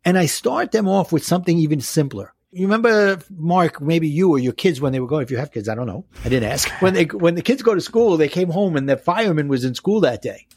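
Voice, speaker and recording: Male life coach as interview guest, Brooklyn accent, raspy, explains in steps and asks his own questions. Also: on the high side, lively intonation, brisk, few pauses, darkish tone, no room sound, clean studio sound. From Brooklyn, New York. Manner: explains step by step with rhetorical questions and acted-out quotes.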